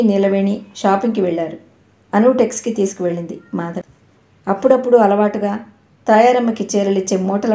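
A woman narrating a novel in a steady, expressive reading style, in an echoey room. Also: mid-range voice, creaky. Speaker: audiobook narrator.

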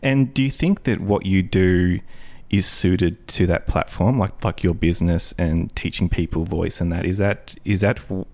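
A man's voice: deep voice, normal speed, darkish tone. A man hosting a podcast interview, friendly and often restarting his questions. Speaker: podcast host.

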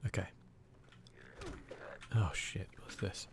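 A man hosts a gaming video with soft, near-whispered ASMR commentary. He speaks slowly in a casual, muttering, self-deprecating way.

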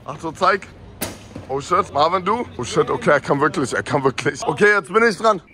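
Excitable slangy young man vlogging. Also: a little high, a little fast. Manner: excitable, slangy, keeps saying "Digga" and "Bruder". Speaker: streamer and vlogger. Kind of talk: casual vlog chat.

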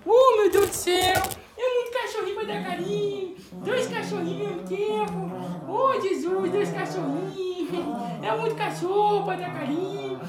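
High cooing woman baby-talking her dogs. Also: reverberant, a loud crowd. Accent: Brazilian Portuguese. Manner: cooing, sing-song, drawn-out sighs. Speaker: pet owner filming her dogs. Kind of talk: baby-talk to pets.

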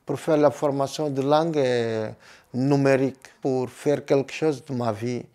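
A man from Guinea-Bissau talks in a classroom about his jobs and training. His French is careful and a little halting, as French is not his first language. The voice is warm and mellow at an ordinary pitch. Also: fairly even intonation. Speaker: language course participant. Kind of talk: interview testimony. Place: classroom indoors.

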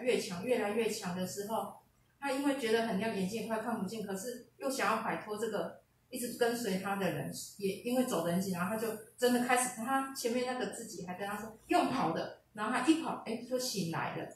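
A woman's voice: fairly high pitch, far from the mic. A woman telling a personal story at a seminar in a casual way, often slipping into quoted dialogue. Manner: retells conversations, switching into quoted dialogue. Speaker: speaker sharing a personal testimony at a seminar. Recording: echoey hall picked up from afar, faint hiss.

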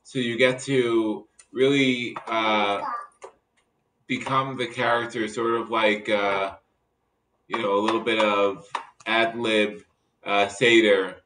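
A man's voice: lowish voice, steady tone, slow pace. A man co-hosting from a dining room, talking casually with hesitant fillers. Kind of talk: casual chat. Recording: distant roomy audio with noise.

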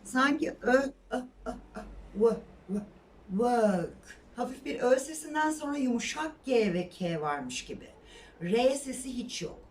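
Animated woman teaching pronunciation. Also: high-pitched, far from the mic, a little hiss or hum. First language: Turkish. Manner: animated, repeats words slowly to model pronunciation. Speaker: English teacher. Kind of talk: pronunciation lesson.

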